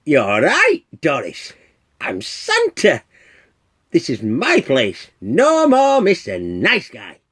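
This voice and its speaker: A man's voice: on the high side, wildly swooping pitch, slow pace, fairly bright tone, breathy edge, full character voice. A man playing a henpecked, emotional, jokey old Santa Claus in a comic radio play, with a Northern English accent. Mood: meek, then resolute.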